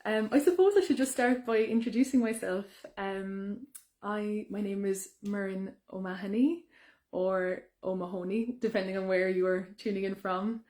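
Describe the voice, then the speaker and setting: A young woman, a singer, chatting brightly with fans during a live Q&A, with many ums and restarts. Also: mid-range voice, fairly even intonation, normal speed. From Ireland. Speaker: singer hosting a fan Q&A. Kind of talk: casual live-stream chat. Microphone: phone or webcam on a live stream.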